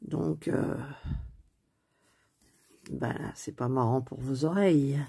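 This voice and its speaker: Soft-spoken husky woman crafter. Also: very deep voice, slow. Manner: chatty, thinking aloud while working; speaks softly near the phone. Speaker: cross-stitch crafter. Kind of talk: casual craft tutorial chat. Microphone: phone on a stand.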